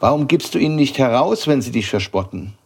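A man reading an audiobook, voicing a gruff, grumpy old bookseller who growls and scolds as he questions a boy. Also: mid-range voice, lively intonation, a little fast, voice pushed up.

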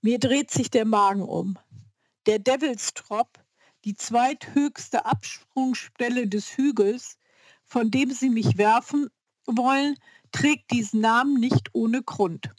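A woman reads a novel aloud in the first person, taking her time over each phrase. Her voice sits a little high. The recording is close and dry, with no room sound. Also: dry recording. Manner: slow, measured reading. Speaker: audiobook narrator. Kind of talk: scripted first-person narration.

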